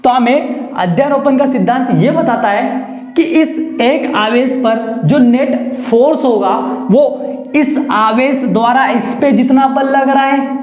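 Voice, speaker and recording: A man's voice: very high voice, darkish tone. A male physics teacher giving a classroom lesson in a playful way, often asking his students rhetorical questions. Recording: echoey room.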